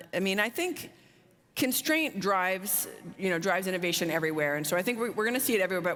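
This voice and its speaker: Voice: mid-range voice, a bit bright. A panelist with a mid-range voice talks fluently and upbeat, dropping casual fillers throughout. The voice carries a long reverb from a large conference hall. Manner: fluent, upbeat, many "you know" fillers. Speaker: drone logistics company founder, panelist.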